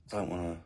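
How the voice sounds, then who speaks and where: A man hosting a casual live stream, greeting viewers and answering comments in a rambling, self-interrupting way with indignant asides while he feeds his baby. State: feeding a baby while talking. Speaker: family channel host reading live comments.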